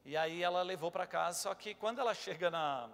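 A man's voice: sits high, brisk, gravelly, fairly bright tone. A male pastor telling a personal story during a sermon, emotional and addressing the congregation directly. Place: church hall. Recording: long church hall reverb, faint music.

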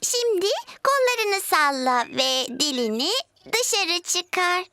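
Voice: very high voice, sing-song, takes it slowly, sharp tone, no echo, heavily acted. A performer voicing a cheerful, bossy young piglet girl in a children's cartoon dub, with music underneath. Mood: instructing. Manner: bossy, instructing.

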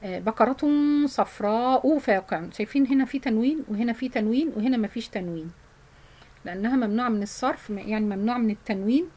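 A woman with an Egyptian Arabic accent teaching Quran memorization, explaining in casual colloquial speech and reciting verses slowly. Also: on the high side, darkish tone, poor audio.

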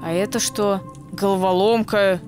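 A woman chats casually during a co-op game, offering short suggestions and agreeing with her partner. Her voice sits at a middle pitch for a woman, and game music plays clearly underneath. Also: fairly even intonation, unhurried. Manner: brief supportive comments and suggestions. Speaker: let's play co-player. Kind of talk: casual co-op gameplay chat.

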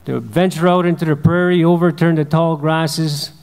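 The all-knowing Creator of an old legend speaks in slow, measured phrases, as a man storyteller gives him voice. His words ring out in a large hall with a long echo behind them. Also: on the high side, fairly even intonation, vocal fry, a little mellow, clear, resonant tone. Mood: solemn. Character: the male Creator, a wise deciding spirit.

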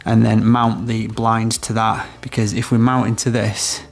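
The speaker's gravelly, lowish voice stays completely flat and moves a little slowly. He is a thirty-something electrician giving a practical, step-by-step product demonstration in a small room of a house.

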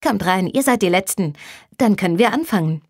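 Woman voicing a small, cheerful dance teacher in an audiobook, brisk and friendly. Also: mid-range voice, lively intonation, husky, no room sound, studio quality.

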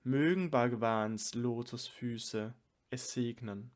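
A man's voice: medium pitch, slow pace, close to an everyday voice. A man reading as a tearful devoted sage. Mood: reverent, tearful. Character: tearful devoted male sage, overcome with love.

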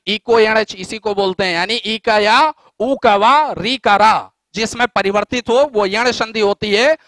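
Male coaching teacher, high pitched, dry room, patient and repetitive delivery. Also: fairly bright tone, no echo. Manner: repeats points, asks and answers his own questions. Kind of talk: explanatory lecture.

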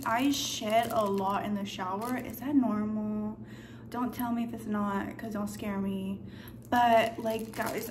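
A woman's voice: medium pitch, background noise. A young woman chatting casually in her apartment for a vlog, tired and sleepy, with lots of "like" and "girl". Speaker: lifestyle vlogger.

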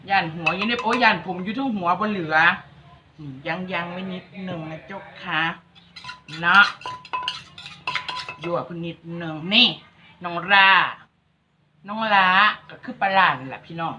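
A woman's voice: lowish voice, normal speed, background noise. A woman with an Isan accent hosting a cooking vlog, chatting and teasing while talking straight to her viewers. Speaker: vlog host. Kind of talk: casual cooking vlog chat. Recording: dull lo-fi recording.

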